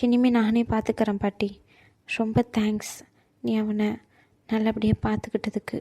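A woman's voice: on the high side, little pitch movement, moderate pace, mellow. A woman voicing a tense young mother who snaps in irritation and then apologizes. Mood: apologetic. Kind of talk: cartoon voice acting.

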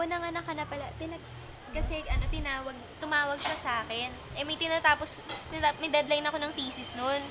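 A woman telling personal stories about her mother in a casual, chatty interview. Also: on the high side. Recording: noisy ambient background.

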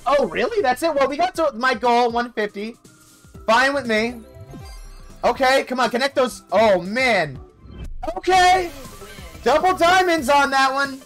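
A man's voice: extremely high pitch, expressive, moderate pace, fairly bright tone, soft background music. A young man giving casual live commentary on slot play, talking in short remarks. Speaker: slot streamer. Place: indoor streaming setup.

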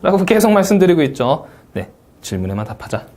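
A man's voice: on the high side, fast. A man lecturing on an English speaking exam, with a Korean accent, asking questions and answering them himself. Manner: animated, asks and answers his own questions. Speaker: TOEIC Speaking instructor. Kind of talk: recorded exam review lecture.

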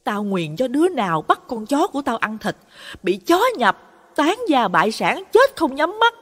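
A woman's voice: big pitch swings, moderate pace, breathy edge, in a large hall. A woman voicing a grieving old woman who shrieks bitter curses in an audio storybook. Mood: furious cursing. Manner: shrill wailing curses.

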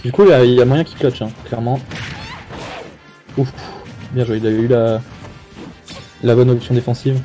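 A man's voice: medium pitch, fairly even intonation, normal speed, pauses often, dark tone. A man doing casual esports caster play-by-play, informal, slangy and reactive. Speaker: esports commentator. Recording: faint music behind voice.

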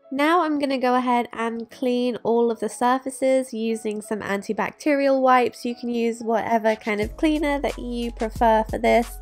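This young adult lifestyle vlogger has a gravelly voice pitched a little high. Cleaning her bright bedroom indoors, she narrates in an upbeat, instructive manner, switching between tutorial voice-over and speaking to the camera.

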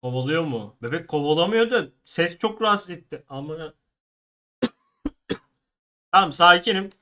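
A man streaming a horror game, swearing, yelling at the screen and talking to himself. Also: a little high, animated, takes it slowly. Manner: swears a lot, jumpy, yells at the game. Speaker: gaming streamer. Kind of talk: horror game let's play commentary.

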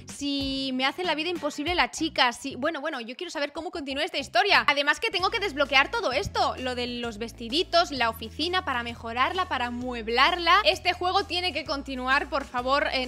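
Young gamer girl, high bright voice, yelps and gasps at the game. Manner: excitable, exclaims and reacts loudly to the game. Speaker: gaming YouTuber. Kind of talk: lively gameplay commentary.

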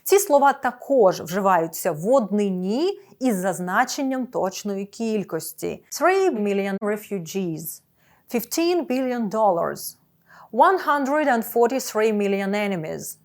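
A woman teaching an English lesson in a scripted video, speaking clearly and slowing down for each English example. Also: mid-range voice, big pitch swings, darkish tone.

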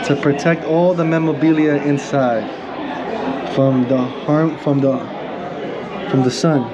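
A man vlogging as a fan at a ballpark, calling the pitch counts in casual, excited play-by-play. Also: measured pace, dull audio. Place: outdoor stadium upper deck. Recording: phone video with loud crowd noise. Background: loud stadium crowd.

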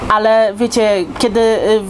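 A woman's voice: fairly high pitch, flat delivery, unhurried, slight background noise. A woman in her thirties giving a casual, chatty book review to camera in a living room, often checking in with her listeners. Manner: conversational, addresses listeners with frequent rhetorical check-in questions. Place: indoors, living room on a sofa.

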